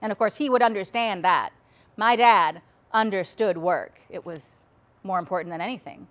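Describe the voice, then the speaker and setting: A woman's voice: medium pitch, moderate pace, fairly bright tone. Woman spinning a personal story, wry and thoughtful, easy talky delivery. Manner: wry, reflective, conversational.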